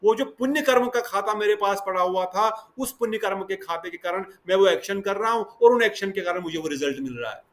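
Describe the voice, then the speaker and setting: A man's voice: high-pitched, a little fast, hardly any pauses. A man teaching a devotional scripture class, telling stories, mixing Hindi with English and asking the class questions.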